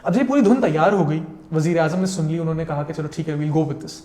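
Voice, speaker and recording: A man's voice: a little high, fast talker, warm tone. A man, a guest critic giving long, detailed explanations and slipping into English mid-sentence. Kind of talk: conversational explanation. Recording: roomy echo.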